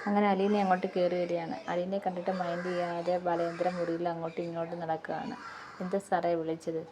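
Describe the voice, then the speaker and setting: Low, flat-voiced woman recapping a serial. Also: fast talker, noisy background. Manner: rambling, many fillers. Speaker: serial review host. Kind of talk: casual episode recap.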